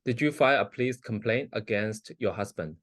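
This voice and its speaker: A man in a mock hearing, asking formal questions in a measured way. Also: lowish voice, a bit bright, dry recording, clean studio sound.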